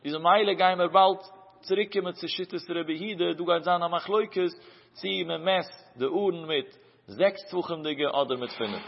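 A man giving a Talmud study lesson in a chanting singsong cadence, his pitch rising and falling through each phrase. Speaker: Talmud teacher. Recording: muffled, dull recording with long hall reverb.

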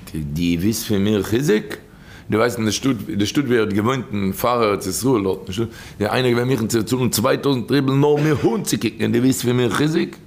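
Gravelly-voiced man giving a storytelling sermon. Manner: repetitive, emphatic, with sudden rises and drops in pitch.

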